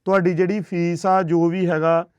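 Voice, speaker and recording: This is a man speaking with a slightly raised pitch. He sounds reassuring and a touch preachy as he hands over aid, often asking short checking questions. The sound is dry and close, with no echo. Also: level tone, moderate pace, darkish tone, smooth, muffled recording. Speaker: charity worker handing over aid. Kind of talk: earnest on-camera talk.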